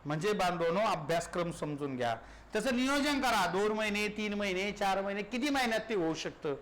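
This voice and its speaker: Man, teacher, high pitch, exam-prep lecture, step-by-step questions and answers. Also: lively intonation, fairly quick, a bit bright. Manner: explains step by step, asks and answers his own questions.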